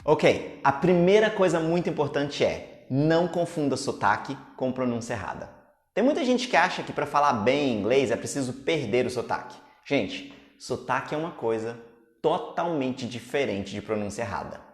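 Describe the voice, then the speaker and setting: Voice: medium pitch, very animated, normal speed. Brazilian teacher chatting through a video lesson, upbeat, mid voice, kinda roomy echo. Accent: Brazilian Portuguese. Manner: upbeat, chatty explaining to viewers. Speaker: English pronunciation teacher.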